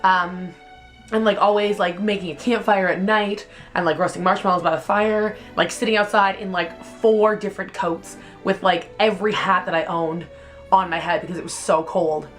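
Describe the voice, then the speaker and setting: A woman's voice: lowish voice, moderate pace, soft background music. A young woman, telling childhood stories in a casual, chatty vlog, filling her speech with "like". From Canada. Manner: chatty, heavy use of "like", animated retelling. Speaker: vlogger.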